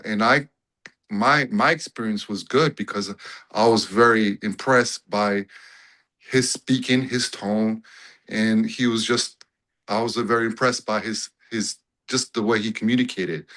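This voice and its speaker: Casting: man, bright tone, relaxed storyteller calling in over a video call. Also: medium pitch, rough recording. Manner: easygoing storyteller. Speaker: audience member calling in. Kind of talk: casual call-in chat.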